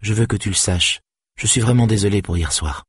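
A man's voice: lowish voice, fairly quick, slightly rough, dry recording, studio quality, voice pushed up. A man reading aloud, voicing a distraught young woman who pleads with her lover. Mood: pleading. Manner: pleading, rising to desperate.

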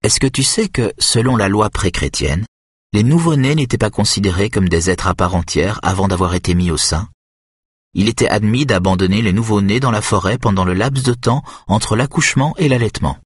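A man voicing a calm, wry young woman. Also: fairly quick, husky, dry recording, clean studio sound. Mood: musing. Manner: gently raised pitch, soft-spoken. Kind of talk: audiobook reading.

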